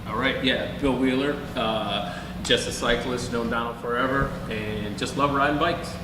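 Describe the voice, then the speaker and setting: A man who coaches youth cycling, a quiet and modest podcast guest. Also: mid-range voice, fairly even intonation, moderate pace. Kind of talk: casual podcast chat. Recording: echoey room, off-mic, clear air-conditioning noise.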